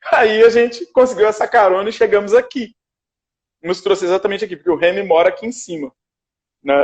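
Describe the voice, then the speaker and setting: A man telling a story in casual conversation on a video call, acting out what people said to him. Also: sits high. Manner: animated storyteller, acts out dialogue. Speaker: guest. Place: his shared house.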